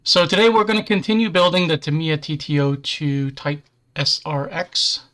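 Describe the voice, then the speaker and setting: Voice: mid-range voice, steady tone, moderate pace, a bit bright. A host chatting casually on a livestream while building a model kit, easygoing, with dry self-deprecating humor.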